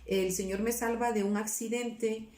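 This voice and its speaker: A woman's voice: fairly high pitch, steady tone, unhurried, dark tone, reverberant. A woman in her forties, a pastor giving her personal testimony in a casual interview. She talks earnestly and keeps searching for words, with many restarts.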